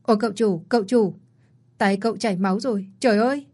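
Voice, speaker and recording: A woman's voice: mid-range voice, fast talker, darkish tone, close to an everyday voice. A nervous, deferential secretary from a storybook, voiced by a woman narrator. He frets over his boss and answers meekly. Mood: anxious. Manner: fretful and deferential. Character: anxious, servile male secretary.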